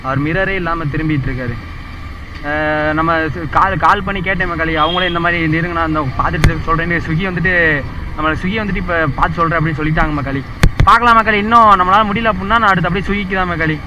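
A young Indian man with a slightly high voice talks at a rapid clip, chatting casually to his viewers as a motovlogger while riding his motorbike through city streets. He addresses them constantly with rambling repetitions, recorded on a helmet or chest action camera, with clear road and wind noise underneath throughout.

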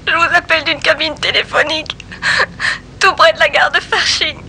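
High-pitched tearful teenage girl, payphone call. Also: steady tone, normal speed, sharp tone, a little hiss or hum, exaggerated voice. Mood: tearful, desperate. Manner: faltering, hesitant payphone call. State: crying. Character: distraught, suicidal teenage girl, timid and hesitant. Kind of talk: dubbed television crime drama acting.

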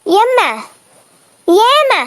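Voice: very high-pitched, lively intonation, very slow, a bit bright, full character voice. A voice actor playing a whiny teenage daughter in a cartoon, wheedling her mother. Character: teen girl pleading with her mother.

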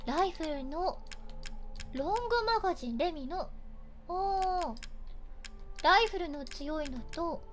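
With game music behind her, a young woman streams a horror game and chats casually in a playful, mock-aristocratic lady persona, breaking into dramatic outbursts. Her very high-pitched voice is animated, yet she speaks slowly and pauses often.

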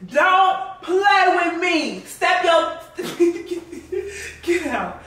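Her very high, animated voice moves extremely slowly, fairly bright with a little hiss or hum. A woman in her thirties, she runs a casual home cooking vlog, playful and chatty, with sing-song exclamations aimed at y'all. A distant tripod camera records roomy kitchen sound.

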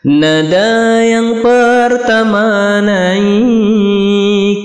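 High, slow-chanting man in a hall. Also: steady tone. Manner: slow, drawn-out sung phrases. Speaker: Quran reciter. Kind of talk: melodic Quran recitation. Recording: reverberant hall with faint music.

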